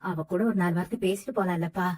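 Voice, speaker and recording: A woman's voice: lowish voice, fast talker, a little mellow, lightly acted. A woman playing an older grandmother. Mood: coaxing. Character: warm older grandmother, the family elder.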